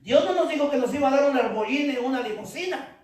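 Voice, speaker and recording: A man preaching a sermon as pastor, rising into shouts and calling for congregation responses. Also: very high-pitched, animated, fast talker. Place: church hall. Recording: very echoey hall, mic far off.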